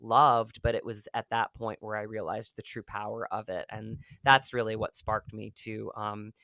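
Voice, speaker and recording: An actor being interviewed tells personal stories earnestly and reflectively, hedging constantly with "like" and "you know." His lowish voice is fairly flat in pitch, pushed and bright with vocal fry, at a moderate pace, recorded with no room sound.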